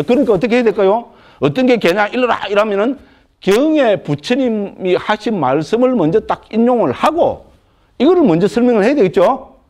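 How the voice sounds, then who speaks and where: An older man giving a Buddhist lecture as a monk, animated, asking rhetorical questions and checking in with his listeners. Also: high-pitched. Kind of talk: dharma lecture.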